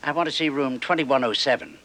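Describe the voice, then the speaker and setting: An actor playing a mild, politely persistent priest detective in a 1970s TV drama, hesitant and courteous. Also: male voice, medium pitch, a little fast, natural voice. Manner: hesitant, courteous, gently probing.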